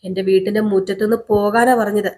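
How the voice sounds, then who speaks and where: A woman's voice: medium pitch, little pitch movement, quick pace, lightly acted. A woman voicing a young mother who is bitter, scornful and fiercely protective of her daughter, in a serial recap. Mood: defiant. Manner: sharp, scornful.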